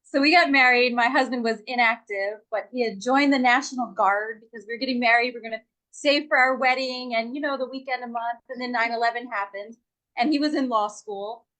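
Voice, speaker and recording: Chatty woman, slightly high voice. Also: a little fast, sharp tone, rough recording. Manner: chatty, rambling, self-correcting. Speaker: guest, real estate agent. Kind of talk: casual chat.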